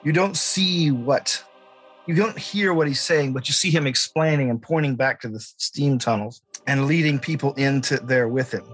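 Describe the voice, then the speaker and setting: A man acting as game master, improvising narration for a tabletop game in a halting way. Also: mid-range voice, a bit bright, breathy edge, faint music behind, low-quality recording.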